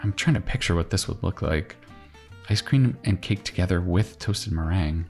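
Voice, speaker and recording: A man with a low voice talks casually as he works through a puzzle, thinking out loud. He muses and asks himself questions along the way. Plucked guitar music plays behind him. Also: normal speed. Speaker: crossword solver hosting a solve-along video.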